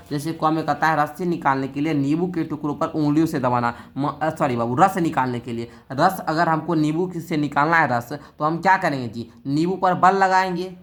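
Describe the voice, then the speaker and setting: A male teacher with a somewhat high voice explains a school science lesson. He reads each question out, then talks it through in a coaxing way, checking on his pupils again and again. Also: fairly bright tone. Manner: coaxing, keeps asking the pupils "theek hai?". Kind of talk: classroom-style exam answer lesson.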